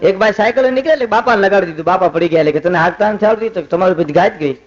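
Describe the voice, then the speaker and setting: A man, telling funny stories and moralizing on stage at a festival program, acting out the dialogue in his anecdotes. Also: high-pitched. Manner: rapid anecdotes acting out quoted dialogue, turning earnest and moralizing. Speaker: folk humorist. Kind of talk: live stage humor storytelling. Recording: lo-fi live recording with music behind.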